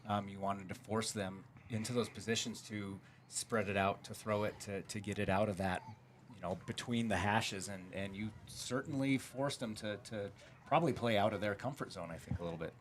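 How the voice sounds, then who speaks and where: Halting postgame host, faint noise. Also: male voice, lowish voice. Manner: halting, many fillers. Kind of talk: postgame interview.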